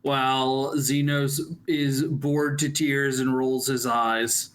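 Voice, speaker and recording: A podcast participant making slow, jokey asides. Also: medium pitch, level tone. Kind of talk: casual podcast chat.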